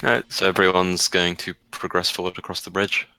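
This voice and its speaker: A man narrating a tabletop role-playing game as game master, describing scenes in a halting, measured way. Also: low voice, little pitch movement, over a noisy crowd, rough recording.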